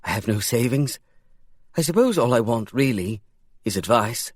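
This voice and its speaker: A man reading the part of a drab, nervous Englishman with an English accent, speaking quietly and earnestly. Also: medium pitch, lively intonation, moderate pace, no room sound, clean studio sound, natural voice. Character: drab nervous thin Englishman plotting a murder.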